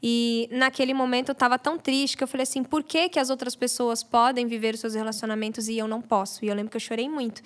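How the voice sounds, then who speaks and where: A young woman, a podcast guest, telling a personal faith testimony in an animated, storytelling way. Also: on the high side, fast, few pauses. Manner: animated storyteller, acts out quoted prayers. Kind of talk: casual testimony chat.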